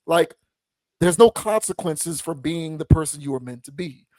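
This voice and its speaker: A man hosting a podcast, giving his opinions in a measured, deliberate, somewhat preachy way. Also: on the high side, lively intonation, a little mellow, no echo. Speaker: podcast host. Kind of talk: opinion commentary.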